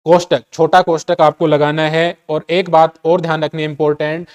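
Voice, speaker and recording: A male chemistry teacher with a Hindi accent explains a method step by step. His voice sits a little high and sounds smooth and resonant. He keeps repeating the key points and quizzing his students with rhetorical questions. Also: flat delivery, moderate pace, a little mellow. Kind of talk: classroom lecture.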